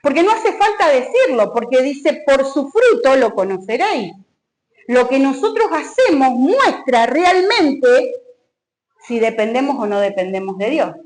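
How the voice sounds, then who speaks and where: A woman's voice: high voice, big pitch swings, unhurried, darkish tone, low-quality recording. A woman pastor with a Rioplatense Spanish accent, preaching a sermon and acting out a story with dramatic rises. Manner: preaching with rising exclamations and dramatic retelling.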